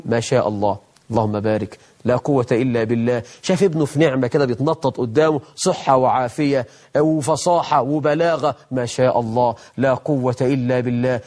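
A middle-aged man with an Egyptian accent hosting a religious TV lesson, talking in lively colloquial speech, slowing down to recite verses solemnly. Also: medium pitch. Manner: lively, mock-imitates people, then slows for solemn recitation. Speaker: TV religious program host, sheikh.

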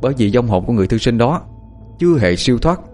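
A man doing a cold, calm young schemer. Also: medium pitch, fast talker, soft background music, close to an everyday voice.

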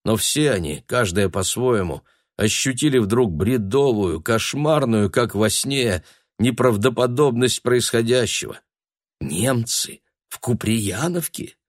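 A man narrating a novel in an even, measured reading. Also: mid-range voice, no echo, studio quality. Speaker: audiobook narrator. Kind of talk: scripted narration.

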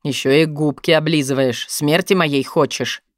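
A possessive young lover with a low, husky murmur, as a woman reader puts him on. He presses each line with brooding intensity in a dry, close audiobook recording. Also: moderate pace, no room sound, natural voice. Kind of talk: audiobook narration.

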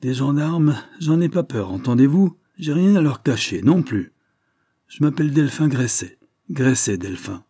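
A man voicing a gruff, suspicious male country peasant who talks in rough rustic speech. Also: medium pitch, animated, a little slow, warm tone, no echo, studio quality, pitched above the performer's own voice. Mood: defensive.

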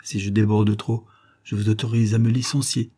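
A man's voice: fairly low pitch, flat delivery, moderate pace, mellow, slightly rough. A man voicing a wry, hard-up woman.

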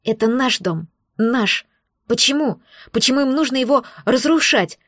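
A woman's voice: on the high side, animated, moderate pace, a bit bright, no echo, clean studio sound. Woman reading as a tearful hissing baby dragon. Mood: tearful, angry. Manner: sobbing, hissing, stubborn. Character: tearful angry little male dragon. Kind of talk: audiobook character voice.

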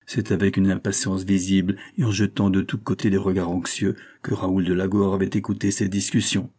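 Male narrator for classic fiction, measured and dramatic, husky low voice. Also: flat delivery, dark tone. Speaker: audiobook narrator. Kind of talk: classic novel reading.

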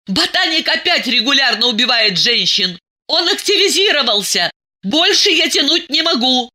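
A stern, weary female investigator speaks in firm, cold, measured tones, as a woman reads her in an audiobook. Her voice sits high and bright. The delivery is controlled and level. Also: sing-song, exaggerated voice. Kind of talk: dramatic audiobook reading.

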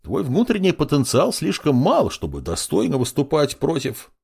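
A man voicing a gruff old male mage examiner in an audiobook, asking short, clipped questions. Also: fairly high pitch, huge pitch swings, moderate pace, a little mellow, pitched above the performer's own voice, heavily acted. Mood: gruff, curt. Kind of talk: audiobook character voice.

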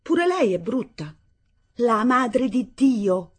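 Naive young bride, shrill and lively, pleading in disbelief, read by a woman with a husky voice. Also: takes it slowly, exaggerated voice. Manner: wide-eyed, pleading, breathless disbelief. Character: timid naive young bride, girl from Naples area.

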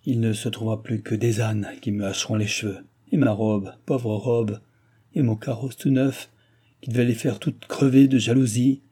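A man's voice: mid-range voice, steady tone, moderate pace, mellow, husky, close to an everyday voice. A man reading aloud as a despairing royal favourite, a countess, in plaintive tones. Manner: plaintive, sighing.

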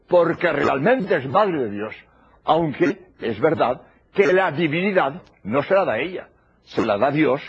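Captured on a dull, lo-fi vintage tape, an older man from Spain preaches a religious lecture with emphasis, returning again and again to key phrases. His voice is slightly high and a bit rough.

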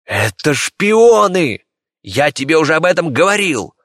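A man playing a coarse, threatening village ringleader with a hoarse, cawing voice. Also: fairly high pitch, big pitch swings, unhurried, a bit bright, no room sound, clean studio sound, pitched above the performer's own voice, exaggerated voice. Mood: ranting. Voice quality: hoarse, crow-like. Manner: threatening and bullying.

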